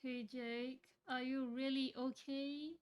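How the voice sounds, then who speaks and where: A woman hosting a live stream in casual chat, talking freely with lots of fillers and getting loud when surprised. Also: high-pitched, level tone, takes it slowly, clean tone. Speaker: streamer host.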